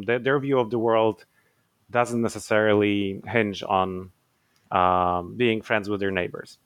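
A man's voice: on the low side, clean tone, dry recording. A man, an author giving thoughtful interview answers, hesitant with many fillers and restarts. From Poland. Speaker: author guest.

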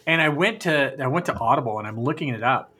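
Forceful chatty male podcast host. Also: mid-range voice, fast talker, slightly rough. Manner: animated storyteller, frequent restarts. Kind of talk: casual chat.

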